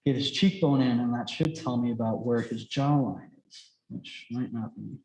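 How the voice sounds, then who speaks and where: Through his face mask, a drawing instructor rambles casually, thinking aloud and filling gaps with "like." His mid-range voice is a little mellow and moderately paced, captured in an echoey, roomy space.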